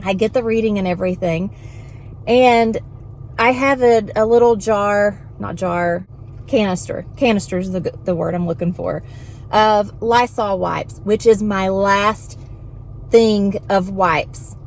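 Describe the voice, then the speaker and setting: Mom vlogger venting about work, exasperated and animated, faint hiss in the background. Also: female voice, medium pitch, a little slow. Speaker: vlogger and home health worker. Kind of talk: casual storytime venting.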